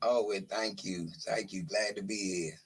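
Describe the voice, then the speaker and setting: Husky low voiced dc guy in his 50s, laid back, on a video call. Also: steady tone, normal speed. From Washington, DC. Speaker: guest.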